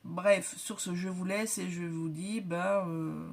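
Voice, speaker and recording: A woman's voice: fairly low pitch, steady tone, takes it slowly. A woman from northern France chatting casually through an unboxing vlog, with many hesitations and the product names whispered. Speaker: vlogger.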